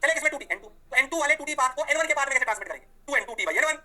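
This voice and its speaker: A man's voice: very high-pitched, very fast. A man teaching physics, firing questions and answering them himself. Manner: energetic, asks questions and answers them himself, voices the students' replies. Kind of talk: lively classroom lecture.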